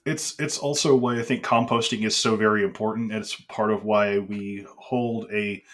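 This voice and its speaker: A man's voice: lowish voice, fairly bright tone. A man in a casual podcast conversation, talking in an earnest, reflective way.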